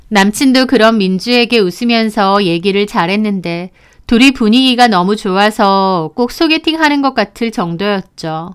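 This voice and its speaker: Smooth-voiced woman narrating a story. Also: mid-range voice. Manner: even, storytelling delivery. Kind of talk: scripted first-person story narration.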